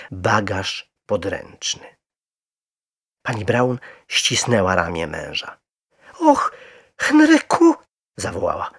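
A man narrating a children's storybook in an expressive, lively way. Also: lowish voice, vocal fry, slightly rough.

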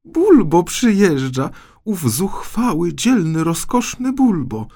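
A man's voice: high-pitched, very animated, slow pace, a little mellow, voice pushed up, exaggerated voice. A man voicing a spoiled, flighty young princess in an audiobook fairy tale, gushing in a raised, breathless voice.

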